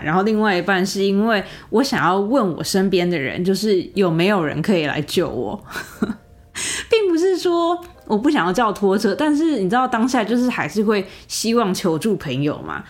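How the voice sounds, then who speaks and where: A young woman hosting a podcast, telling a personal story in a chatty, casual way with many fillers and asides to the listener. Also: mid-range voice. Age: young adult. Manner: chatty, animated, lots of fillers and rhetorical asides. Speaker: podcast host.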